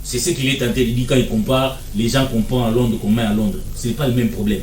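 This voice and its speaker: A man's voice: mid-range voice, fairly even intonation, fast talker, a little mellow, echoey room, far from the mic, a little hiss or hum. A man, arguing as a guest in a televised political debate, insistent and repeating his points. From Democratic Republic of the Congo.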